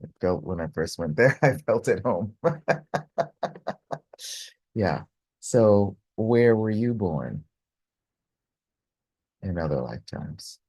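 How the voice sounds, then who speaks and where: Workshop host, woman from the US, unhurried and effusive, laughs often, dry close sound. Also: extremely low pitch, expressive, darkish tone, slightly rough, no echo. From United States. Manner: effusive, laughing, slow and drawn-out. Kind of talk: closing thanks at a live workshop.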